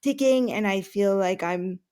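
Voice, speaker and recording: Her voice is mid-range, mellow, and smooth, and she speaks at a measured pace. She is a Canadian whose native language is Russian, earnestly responding to podcast interview questions with lots of fillers and self-corrections.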